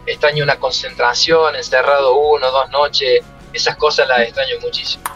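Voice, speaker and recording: A man's voice: mid-range voice, fairly even intonation, moderate pace, bright, forceful tone, dull audio, faint music behind. A middle-aged man with an Argentine Spanish accent, a former footballer and coach telling stories from his career in an interview. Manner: emotional, reflective storytelling. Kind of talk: interview answers.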